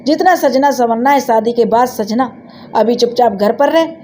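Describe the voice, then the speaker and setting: A strict old grandmother, played by a woman telling the story, who keeps a close eye on the girl and scolds her firmly. The voice is mellow and a little high. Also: moderate pace, a little hiss or hum, lightly acted. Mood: scolding.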